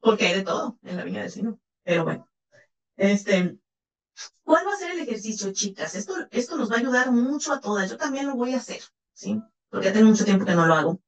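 A woman's voice: medium pitch, animated, fairly quick, roomy sound, recorded from a distance. A woman therapist with a Mexican accent, speaking in a reassuring, conversational advice style and often checking in with her listeners through tag questions. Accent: Mexican Spanish. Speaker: therapist hosting a self-help broadcast.

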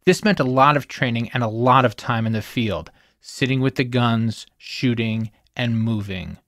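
A man's voice: mid-range voice, a bit bright, no echo, clean studio sound. Solemn male documentary narrator. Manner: measured, solemn delivery with emphatic rises. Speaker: podcast host and narrator.

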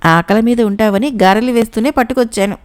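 A woman voicing a scheming neighbor woman who coaxes in a sweet, honeyed way, with a smooth voice. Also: a little high, fast talker, close to an everyday voice. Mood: coaxing. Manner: coaxing and honeyed.

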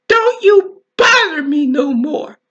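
A woman voicing her frightened, angry little-girl self with shouted, tearful outbursts. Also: extremely high pitch, measured pace. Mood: indignant. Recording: dull lo-fi recording.

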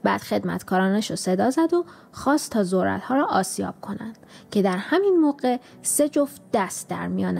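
A woman narrating a fairy tale for an audiobook in a soft, half-whispered reading. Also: mid-range voice, creaky. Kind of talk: scripted storybook narration.

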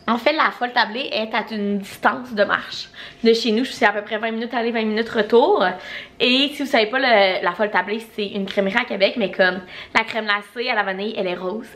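A woman's voice: mid-range voice, a bit bright. A woman in her twenties from Quebec with a Québécois French accent, chatting casually and rambling to her vlog camera, full of fillers. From Quebec, Canada. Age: 20s. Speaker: vlogger.

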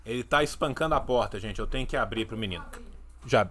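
A man's voice: on the low side, fast talker, a bit bright, a little hiss or hum. A man in his thirties with a Brazilian accent, hosting a casual live reaction stream with emphatic, ironic asides.

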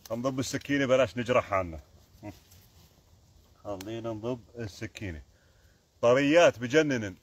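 A man's voice: medium pitch, husky, no echo. A man with a Jordanian Arabic accent chatting casually on a live stream while foraging outdoors in a forest, keeps pointing things out to the viewer.

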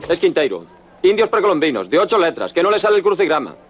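A man's voice: fairly high pitch, big pitch swings, quick pace, breathy edge. A man stuck on a crossword. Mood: puzzled. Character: adult man puzzling over a crossword. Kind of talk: scripted film dialogue.

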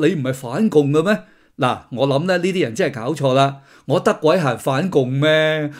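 A man's voice: on the high side, a little mellow. Sardonic man commentator. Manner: sardonic, mocking asides. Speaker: host of a commentary channel. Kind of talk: casual political commentary.

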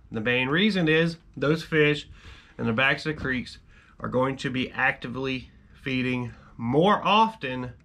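A thirties-aged fishing channel host speaks to camera from a cluttered indoor garage workshop, picked up at desk distance. His voice sits on the high side, pushed and bright, as he explains things in a chatty, easygoing way packed with "you know" fillers. It's casual instructional talk.

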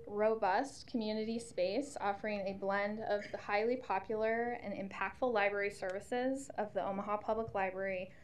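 Woman, 30s, mid pitch, steady and earnest, reading testimony at a podium mic. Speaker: nonprofit CEO testifying. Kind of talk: reading a prepared statement. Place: council chamber. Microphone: podium microphone.

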